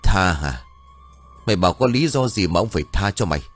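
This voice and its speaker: A man voicing a cruel, contemptuous rich landlord over seventy who snarls and shouts with scorn. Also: low voice, animated, fairly quick, soft background music. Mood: scornful, snarling.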